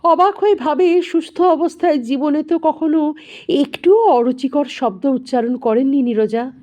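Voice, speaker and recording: A woman narrating an audio story in an expressive, dramatic reading. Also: high-pitched, a little slow.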